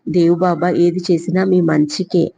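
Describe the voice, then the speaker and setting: A woman voicing a gentle, motherly housekeeper in an audio story, coaxing and soothing. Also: on the low side, flat delivery, moderate pace, vocal fry, a little hiss or hum.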